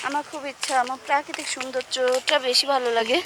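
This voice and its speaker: A mother speaks in a high, gentle voice, coaxing her small child and pointing things out. She is recorded outdoors at a zoo, with clear background noise and animal sounds around her. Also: fairly even intonation, quick pace. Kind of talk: casual vlog narration. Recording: noisy outdoor ambience.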